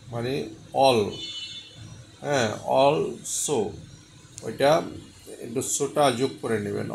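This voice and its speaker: A man gives a pronunciation lesson, spelling each word letter by letter and saying it again. He speaks very slowly in a gravelly, creaky voice. A faint noise sits under the recording. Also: mid-range voice, rough recording. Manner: slow, spells words letter by letter and repeats them. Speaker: English teacher.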